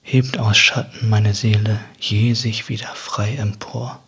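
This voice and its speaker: A man giving a dramatic poetry recitation in a breathy, half-whispered delivery. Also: lowish voice, flat delivery, slow pace, fairly bright tone. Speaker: poetry reader.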